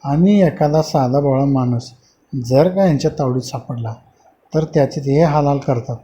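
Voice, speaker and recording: A man telling a horror story in a slow, dramatic storytelling manner, in a dull lo-fi recording with faint hiss. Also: mid-range voice, dark tone. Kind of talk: scripted horror narration.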